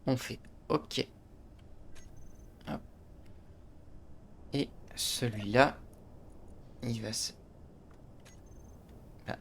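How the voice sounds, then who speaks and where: Gaming channel host, male, talks a player through a game step by step, slow and gravelly. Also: medium pitch, steady tone, a bit bright, a little hiss or hum. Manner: step-by-step explaining, frequent "hop" and restarts. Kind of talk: game tutorial commentary.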